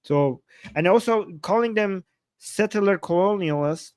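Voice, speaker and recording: A man's voice: sits high, measured pace, smooth, no echo, clean studio sound. A man from Iran with an Iranian accent, hosting a live political reaction stream in an argumentative, insistent way, repeating points and asking rhetorical questions. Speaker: livestream host.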